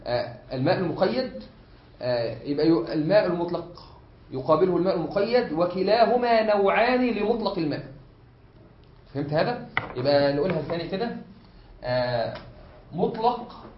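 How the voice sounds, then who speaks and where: Egyptian male sheikh, high voice, patient classroom explainer with drawn-out fillers, echoey lo-fi room recording. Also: expressive. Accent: Egyptian Arabic. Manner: explains step by step and keeps checking students follow; frequent drawn-out hesitation fillers. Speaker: sheikh teaching a study circle. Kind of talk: classroom lesson. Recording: echoey room, dull lo-fi sound.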